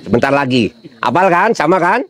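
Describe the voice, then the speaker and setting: Lively, chatty man preaching a casual sermon. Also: a little high, a little fast, a crowd in the background. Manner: chatty, humorous storytelling with rhetorical questions to the audience.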